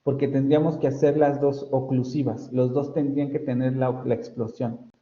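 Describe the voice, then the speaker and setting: A university professor with a Mexican Spanish accent gives an online phonetics lecture, explaining patiently, correcting himself often and using frequent fillers. His mid-range voice keeps a level tone at a moderate pace, and the audio is roomy, dull and lo-fi.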